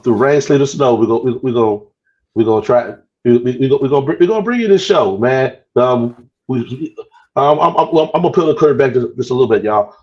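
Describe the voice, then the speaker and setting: A man's voice: medium pitch, a little fast, a little mellow. Stammering male podcast host, muffled sound. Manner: stammering, repeats words often. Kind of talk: casual podcast chat. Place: on a cruise ship.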